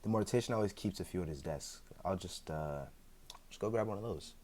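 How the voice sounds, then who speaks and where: A man plays a very deep-voiced immortal just back from death, chatty, sheepish and evasive, in one side of an ASMR roleplay audio drama. He talks a little fast with a darkish tone, sounding casual and pleased. His delivery is conversational and hesitant, full of chuckles and dry humor.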